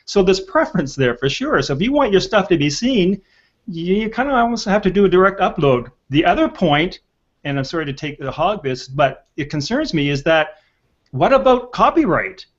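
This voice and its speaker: A man in his sixties hosts a conversational panel discussion over a video call from an indoor room, using an earpiece. His voice sits high and is very animated at a moderate pace, with dull lo-fi call audio.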